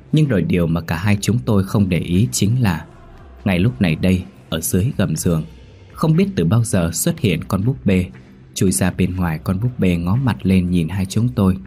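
A man narrating a horror story in a steady, measured way. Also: sits low.

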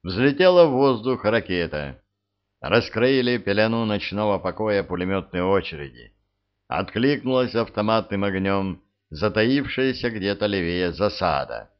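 A man narrates a wartime adventure in a fairly low voice. His reading is dramatic and expressive. The recording sounds dull and lo-fi. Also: a little slow. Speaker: audiobook narrator. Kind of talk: scripted war-story narration.

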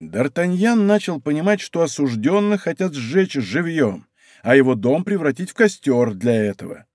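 A man narrates a historical adventure audiobook with vivid, dramatic storytelling. His voice sits fairly high and swings widely in pitch. The studio sound is close and dry. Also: very animated, normal speed, a little mellow, dry recording. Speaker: audiobook reader. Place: recording studio.

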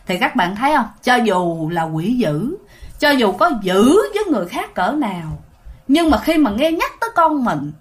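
Southern vietnamese woman telling a ghost story to her listeners, high voice, really lively and animated. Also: moderate pace. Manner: animated, addresses listeners directly. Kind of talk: casual spoken ghost storytelling.

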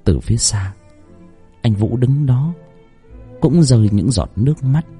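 Husky-voiced man telling a ghost story. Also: medium pitch, unhurried, faint music behind. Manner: expressive, swooping delivery. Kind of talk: dramatic ghost-story narration.

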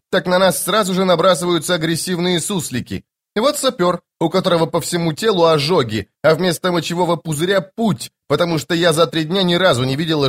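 A man's voice: on the high side, pitched above the performer's own voice. Man voicing a scolding tough woman corporal. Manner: scolding, sarcastic. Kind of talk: audiobook character voice.

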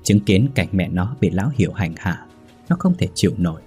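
A man telling a grim tale with a low, deep voice and a husky, grainy texture. He narrates in a grave, measured way as faint music plays behind him. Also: lively intonation, darkish tone. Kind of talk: scripted story narration.

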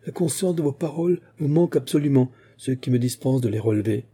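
A man playing a haughty young gentleman. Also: medium pitch, expressive, fairly quick, husky. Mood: cold, haughty. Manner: stiff, haughty. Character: proud, cold young gentleman.

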